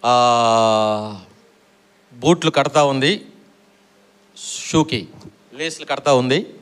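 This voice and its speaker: A man's voice: mid-range voice, extremely slow, clear, resonant tone. A middle-aged man preaching a sermon, repeating his phrases and quizzing the congregation for answers. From Andhra Pradesh, India.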